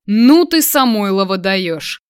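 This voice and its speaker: A woman reader voicing a brash, loud grown man who mocks and threatens in an audiobook. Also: mid-range voice, normal speed, no room sound, clean studio sound, natural voice. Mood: mocking. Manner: loud, mocking, menacing. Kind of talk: audiobook character voice.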